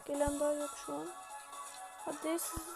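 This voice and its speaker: High-voiced woman shouting game orders. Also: level tone, normal speed, gravelly, music in the background. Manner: chatty, shouts orders to troops, self-mocking. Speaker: gaming youtuber. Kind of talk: casual gameplay commentary.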